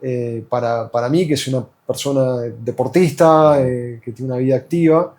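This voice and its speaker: An Argentine man gives a patient's testimonial, recounting his story casually and hesitantly in Argentine Spanish, full of fillers and restarts. His mid-range voice is steady and darkish, at normal speed.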